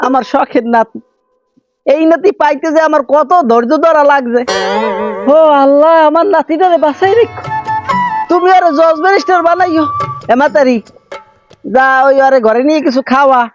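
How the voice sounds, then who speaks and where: A man's voice: very high-pitched, moderate pace, long pauses. An actor playing a doting, fussy old grandfather in a comic village drama, scolding and fussing. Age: older. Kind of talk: comedic village drama acting. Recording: dull lo-fi audio, faint music.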